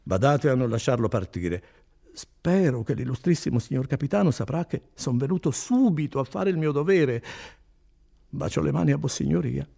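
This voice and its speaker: A man's voice: mid-range voice, lively intonation, normal speed, vocal fry, dark tone. A man voicing a nervous innkeeper who answers in an evasive, fussy way, his voice raised.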